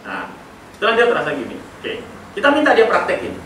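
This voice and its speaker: A middle-aged man leading a school workshop, telling a story with lively acted-out dialogue. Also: sits high, fast. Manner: animated storyteller, acting out dialogue with laughter. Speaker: workshop speaker. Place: school hall. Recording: echoey hall, voice from a distance, noisy.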